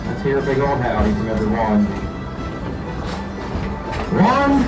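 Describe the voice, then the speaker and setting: Folksy conductor over an outdoor loudspeaker. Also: male voice, medium pitch, wildly swooping pitch, a little slow. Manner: folksy, upbeat, addressing riders as folks. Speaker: train conductor. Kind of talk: tour announcements to passengers. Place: outdoors on a moving train. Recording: echoey loudspeaker heard from far off, music behind.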